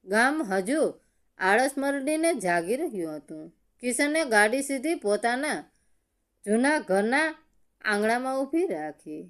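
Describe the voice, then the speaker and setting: A woman narrating a dramatic family story in a slow, expressive storytelling manner. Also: fairly high pitch.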